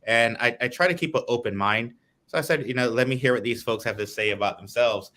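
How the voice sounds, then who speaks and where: A man's voice: medium pitch, fairly quick, sharp tone. A man from Guyana, a political candidate, giving earnest, lengthy answers in an interview over a video call.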